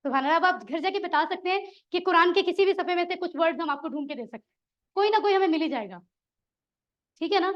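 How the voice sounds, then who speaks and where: A woman's voice: extremely high pitch, lively intonation, fast talker, highs cut off. A woman teaching a Quran Arabic class, encouraging her students and quizzing them. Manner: encouraging, asks the class questions. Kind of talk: classroom lesson.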